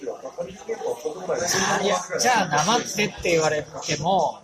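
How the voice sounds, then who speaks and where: Chatty Tohoku-accented man over loud crowd. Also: on the high side, expressive, unhurried. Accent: Tohoku Japanese. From Tohoku, Japan. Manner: chatty, laughs often, many restarts. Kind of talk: casual chat.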